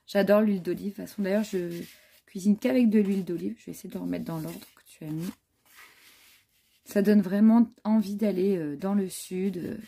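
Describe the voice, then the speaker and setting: A woman chats casually through a handmade scrapbook for her viewers. Her voice is warm and a touch husky. She keeps stopping to admire the pages and fills her talk with small hesitations. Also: medium pitch, fairly even intonation, normal speed. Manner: admiring, chatty, many fillers. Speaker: scrapbooking vlogger. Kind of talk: casual show-and-tell chat.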